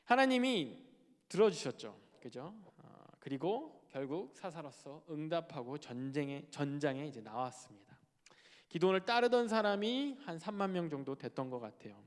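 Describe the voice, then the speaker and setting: A man delivers a sermon in a conversational, animated manner, often slipping into quoted speech as he talks to the congregation. His voice sits a bit high for a man. The sound carries a long reverb from a large church hall. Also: normal speed. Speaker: preacher. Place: church sanctuary.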